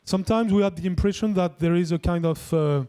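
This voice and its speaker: A man's voice: high-pitched, fairly quick, dark tone, smooth. A man giving formal closing remarks at a conference, hesitant, with many fillers and restarts.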